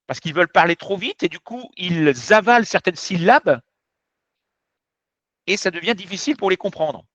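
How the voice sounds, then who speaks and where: A man's voice: sits high, animated, normal speed, a bit bright, no room sound. A man teaching as a French teacher, giving an explanatory lesson in a direct, emphatic way that speaks straight to viewers. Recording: dull, slightly muffled sound.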